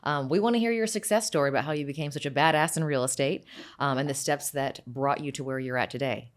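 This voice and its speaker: Chatty quick-talking female host. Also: deep voice. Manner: chatty, joking, brisk. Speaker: podcast host. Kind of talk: casual interview chat.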